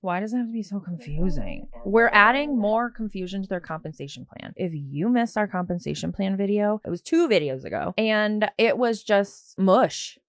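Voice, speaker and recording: A woman's voice: mid-range voice, expressive, normal speed, hardly any pauses, dry recording. A woman hosting a reaction video, talking in a blunt, wry, sarcastic way and swearing casually. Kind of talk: sarcastic commentary.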